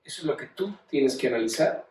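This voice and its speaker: A man's voice: mid-range voice, lively intonation, a little fast, darkish tone. A man with a Mexican accent giving a class, explaining in a conversational way with frequent tag questions. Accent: Mexican Spanish. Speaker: teacher. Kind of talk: recorded class lecture. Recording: echoey room, mic at a distance.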